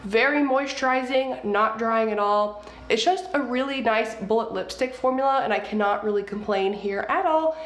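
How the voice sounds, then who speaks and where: A young beauty vlogger with a cold-stuffed nose chats casually while reviewing makeup, gushing and using many fillers. Her voice is on the high side at a moderate pace, recorded in an echoey room.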